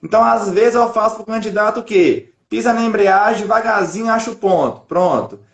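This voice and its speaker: A man's voice: sits high, brisk, echoey room. A man with a Brazilian Portuguese accent, a driving instructor patiently explaining things step by step in a casual live chat.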